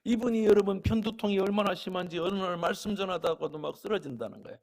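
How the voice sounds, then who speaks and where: A middle-aged man preaching a church sermon, telling folksy stories and swinging between loud calls to the congregation and quiet, chatty asides. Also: high voice, fast. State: a little unwell. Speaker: pastor.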